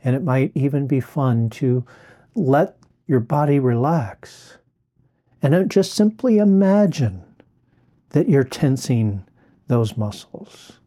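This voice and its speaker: A man slowly guiding the listener through a relaxation exercise in a soothing, drawn-out way. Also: medium pitch, expressive, dark tone. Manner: slow, soothing, drawn-out phrasing. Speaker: relaxation guide. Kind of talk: guided relaxation script.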